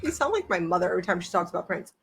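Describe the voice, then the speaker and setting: A woman's voice: on the low side, very animated, rapid-fire, fairly bright tone, breathy edge. A woman hosting a casual home podcast, chatting in a rambling, joking way. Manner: rambling, self-deprecating, joking. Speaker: podcast host. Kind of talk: casual chat. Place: home room. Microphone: camera mic.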